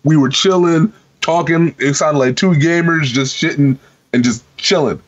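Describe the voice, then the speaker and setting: On a podcast, a co-host with a fairly high voice and moderate pace tells a casual gaming story, swearing freely, laughing, and acting out both sides of the conversation. The podcast audio sounds dull and lo-fi.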